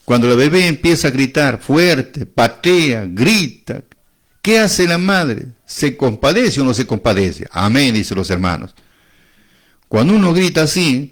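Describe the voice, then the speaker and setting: A man preaching in a middle-pitched voice. He leans on repetition and throws out rising rhetorical questions to his listeners. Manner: emphatic, repeats phrases, rising rhetorical questions. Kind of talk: sermon.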